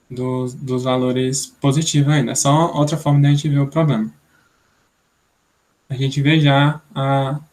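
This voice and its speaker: Young man from Brazil, programming instructor, raised pitch, patient, thinks aloud. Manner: explanatory, thinks aloud, many "né?" tags. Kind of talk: online programming class.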